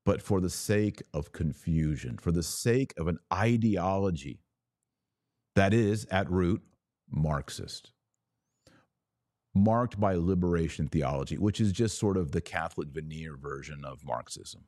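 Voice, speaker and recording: This religious-commentary podcast host speaks in a very low, mellow voice, teaching emphatically and placing each phrase with care. His recording is dry and close-miked, with little room to it.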